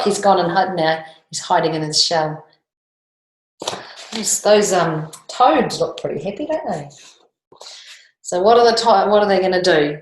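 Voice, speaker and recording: With a lowish voice and a New Zealand accent, a teacher leads a read-aloud storytime, animatedly walking kids through a picture book, quizzing them and laughing softly as she goes. The room audio is echoey and home-style.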